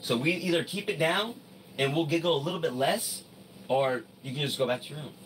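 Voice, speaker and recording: Fast-talking defiant man in his thirties. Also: on the high side. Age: 30s. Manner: loud, defiant, repeats himself. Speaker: livestreamer. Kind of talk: heated argument on a livestream. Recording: distant mic with faint noise.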